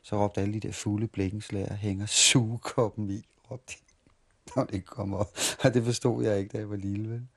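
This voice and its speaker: Man in his 40s from Denmark, somewhat low voice, rambling anecdotal interviewee who stumbles and restarts. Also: level tone, warm tone. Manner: halting, repeats and restarts words while reminiscing. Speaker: street performer interviewee. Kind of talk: storytelling interview.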